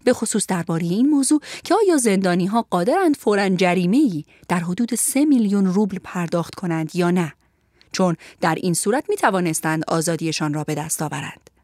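A woman narrating a storybook in an expressive, lively storytelling manner. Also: lowish voice, dry recording, studio quality.

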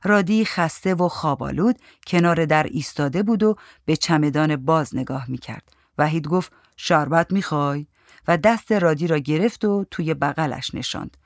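A man narrating a story in a steady, even reading voice. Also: on the high side, vocal fry, no room sound, clean studio sound.

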